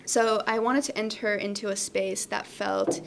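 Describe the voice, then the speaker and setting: A woman's voice: medium pitch, steady tone, measured pace, gravelly, a little hiss or hum. A young woman from Iran, a guest data scientist, chatting relaxedly about her background. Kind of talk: casual interview answers.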